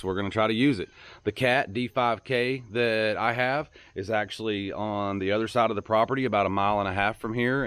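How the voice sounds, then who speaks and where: A man in his thirties talks casually to a handheld camera out on a farm field. His voice sits low, smooth and clear, with a dry, close sound and no room around it. He rambles easily and circles back to repeat himself. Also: a bit bright, no echo. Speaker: channel host. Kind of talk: casual outdoor vlog. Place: outdoors on a rural farm field. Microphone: handheld camera at arm's length.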